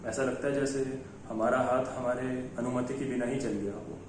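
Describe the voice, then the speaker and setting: A man's voice: medium pitch, level tone, normal speed. A man hosting a college event, giving an earnest stage introduction and posing rhetorical questions. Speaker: event host introducing an act. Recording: very echoey hall, distant mic, faint noise.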